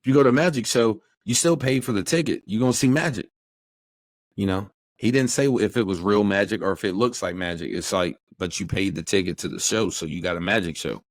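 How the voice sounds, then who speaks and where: A man talking casually on a podcast, rambling and animated, often slipping into quoted voices. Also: fairly low pitch, fairly quick, no room sound. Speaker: podcast co-host.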